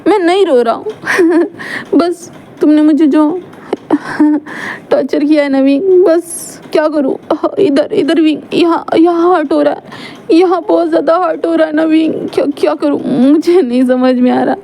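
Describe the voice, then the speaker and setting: A heartbroken young man, drunk and tearful, rambles and repeats himself in a high, mellow voice, as a woman storyteller acts him out. It sounds like a storybook reading. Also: normal speed, slight background noise.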